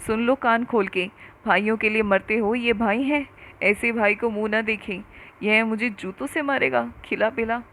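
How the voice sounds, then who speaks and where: A woman reading a story aloud and voicing a furious, sharp-tongued village wife who scolds and hurls insults. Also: fairly high pitch, steady tone, moderate pace, poor audio. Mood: wailing anger.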